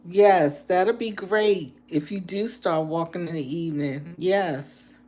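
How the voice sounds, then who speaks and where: A woman's voice: on the low side, slow, a little mellow. A woman in her late sixties chatting casually with live-stream viewers, earnest and heartfelt, repeating phrases for emphasis. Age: 60s. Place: indoors, apartment.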